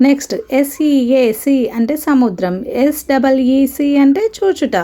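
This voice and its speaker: A woman's voice: sits high, unhurried, dark tone. A woman teaching a grammar lesson, patiently spelling words out letter by letter and repeating each rule. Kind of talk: grammar lesson explaining word pairs.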